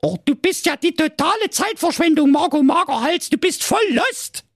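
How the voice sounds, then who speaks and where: A man's voice: extremely high pitch, lively intonation, moderate pace, dry recording, studio quality, pitched above the performer's own voice. A man voicing a cold-hearted, bratty young princess in a comic fairy tale, in a snippy tone. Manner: snippy, whiny.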